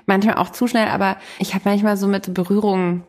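A woman in her thirties talks casually on a podcast. She is emphatic and gets worked up about things, filling her talk with small fillers. Her voice sits at an ordinary mid pitch. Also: flat delivery, a little fast. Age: 30s. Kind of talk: casual chat.

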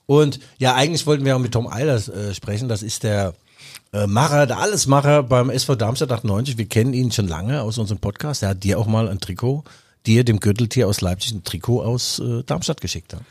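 Middle-aged guy, sports journo on a podcast, rambly and dry, ordinary pitch. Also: fairly quick, a little mellow, breathy edge. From Germany. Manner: rambling, dry, lots of fillers. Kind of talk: casual podcast chat.

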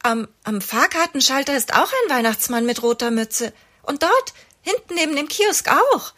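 Woman voicing a brisk, helpful young girl. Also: sits high, sing-song, a bit bright, pitched above the performer's own voice. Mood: surprised. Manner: brisk, reassuring. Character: girl, calm and helpful older sister.

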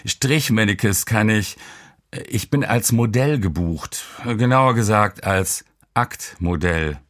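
A man voicing a hungover young man who talks quietly and mumbles, in an audiobook reading. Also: on the low side, slow pace. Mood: groggy, lazy.

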